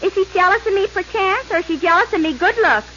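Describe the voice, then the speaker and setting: A swoopy lovelorn young fairytale heroine, plaintive, old muffled radio comedy. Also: female voice, very high-pitched, expressive, quick pace. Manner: plaintive, theatrical. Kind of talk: 1930s radio comedy acting. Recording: muffled, noisy 1930s radio broadcast.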